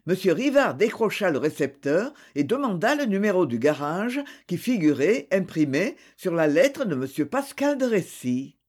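A narrator reading a classic novel aloud in an expressive storytelling manner. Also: medium pitch, normal speed, few pauses. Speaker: audiobook narrator.

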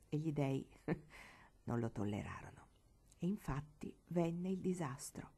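A woman reading a novel aloud as an audiobook narrator, slow and measured, sometimes softly hushed. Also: medium pitch. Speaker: audiobook reader.

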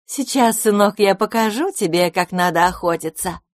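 A woman voicing a huge grey mother cat in a storybook, speaking in a drawn-out, insinuating way. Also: mid-range voice, no room sound, studio quality, close to an everyday voice. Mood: sly.

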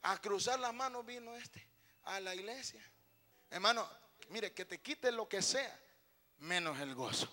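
A man preaching a sermon as pastor, calling out to his congregation and rising to shouts. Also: sits high, lively intonation, unhurried, long pauses, soft background music. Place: church hall. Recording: echoey church hall.

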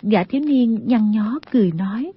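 A woman narrating an audiobook in a steady storytelling manner. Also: fairly high pitch, normal speed, breathy edge. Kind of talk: scripted narration. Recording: dull lo-fi audio.

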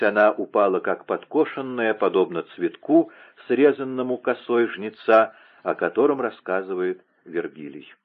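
Мужчина читает вслух художественный роман размеренно. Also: male voice, on the low side. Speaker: audiobook narrator. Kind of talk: scripted narration. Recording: narrow phone-like lo-fi sound.

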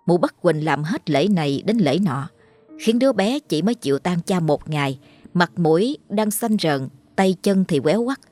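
A woman narrating a ghost story in a slow, mournful storytelling manner. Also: lowish voice, a little mellow, no echo.

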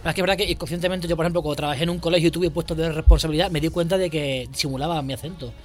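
Fast-talking Extremaduran man. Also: on the high side, fairly even intonation, faint music behind. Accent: Extremaduran Spanish. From Extremadura, Spain. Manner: hesitant, repeats words while telling anecdotes. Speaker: guest, chess and music teacher. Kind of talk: casual chat.

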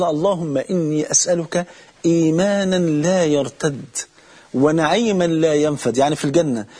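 A man with an Egyptian Arabic accent delivers a sermon, his voice husky and pitched a little high. He talks at a quick clip and addresses his listeners directly. He slows down sharply to draw out the lines he quotes. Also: a little mellow. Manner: storytelling with slow, drawn-out quotes. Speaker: preacher.

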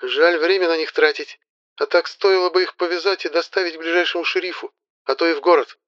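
A man's voice: a little high, fairly even intonation, brisk, a bit bright, clean tone, highs cut off, pitched above the performer's own voice, close to an everyday voice. A man voicing a blunt, impatient scout companion who talks in a brusque, skeptical way.

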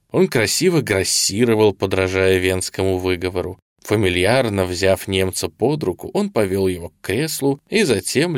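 A man narrates an audiobook in a measured, even storytelling style, his voice on the low side. The studio recording is clean, with no room sound.

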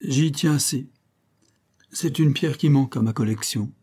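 Man voicing a sly young engineer, incisive, mocking, dark husky voice. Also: mid-range voice, a little slow, pitched above the performer's own voice. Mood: insinuating.

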